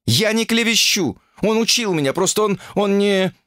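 A man reading an audiobook and voicing an indignant young female graduate student who protests in a shrill, exasperated way. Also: big pitch swings, normal speed, a bit bright, no echo, studio quality.

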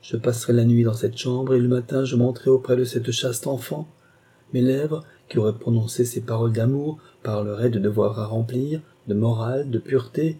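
Male reader doing an anguished young governess in love, husky, raised pitch, audiobook. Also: steady tone, moderate pace, mellow, natural voice. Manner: impassioned, pleading. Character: passionate young woman governess torn by love. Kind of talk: audiobook dialogue reading.

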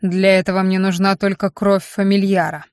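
A woman's voice: medium pitch, flat delivery, moderate pace, darkish tone, clear, resonant tone, no echo, studio quality, natural voice. A woman reading an audiobook and voicing a fanatical, self-satisfied male mage who rants about gaining power. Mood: fanatical boasting. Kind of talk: audiobook character voice.

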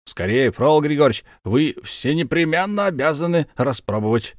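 A man's voice: on the high side, expressive, normal speed, no room sound, clean studio sound, voice pushed up, lightly acted. A man voicing a blustering, hot-tempered, slightly drunk count who hosts a ball, speaking in effusive, theatrical exclamations. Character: blustering tipsy middle-aged count, host of a ball.

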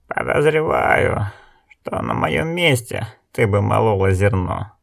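A man's voice: fairly low pitch, wildly swooping pitch, unhurried, creaky, fairly bright tone, no echo, clean studio sound, heavily acted. A man reading an audiobook, voicing a stern middle-aged village elder who speaks up with indignation. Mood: indignant. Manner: indignant, raised voice.

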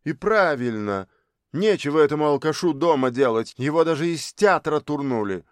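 A man's voice: a little high, animated, normal speed, no echo, clean studio sound, close to an everyday voice. A man reading an audiobook, voicing a stern, scornful middle-aged mother who scolds her children sarcastically.

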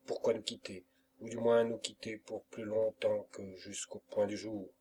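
A man's voice: lowish voice, flat delivery, normal speed, dark tone, a little hiss or hum, natural voice. A man voicing an anguished young lover who pleads earnestly, in an audiobook. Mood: pleading.

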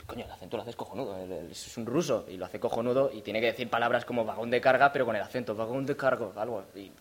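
A man on a dubbing panel who adds quick comments and swears casually as he praises a colleague. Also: medium pitch.

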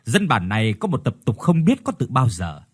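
A man narrating a ghost story in a measured, descriptive storytelling manner. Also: mid-range voice, huge pitch swings, breathy edge.

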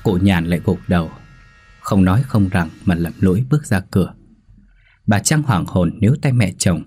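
A man narrating a horror story in a measured, suspenseful way. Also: sits low, breathy edge. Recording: soft background music.

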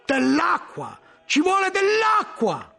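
A man voicing an alarmed, learned friar, shouting urgently in a strained, gravelly voice. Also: very high-pitched, wildly swooping pitch, slow pace, soft background music, pitched above the performer's own voice, exaggerated voice.

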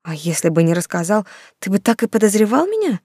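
A woman's voice: mid-range voice, sing-song, quick pace, warm tone, slightly rough, no room sound, studio quality. A woman reading an audiobook, voicing a young woman in love who speaks in a breathless, pleading way. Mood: anxious. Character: young woman in love, anxious then overjoyed. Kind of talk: audiobook dialogue.

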